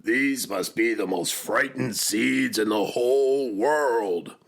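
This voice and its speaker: A gruff toad from a children's storybook, acted out by a man reading aloud. The voice is deep and husky, with slow, emphatic lines full of fretting impatience. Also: full character voice. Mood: worried. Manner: blunt, emphatic, dramatic.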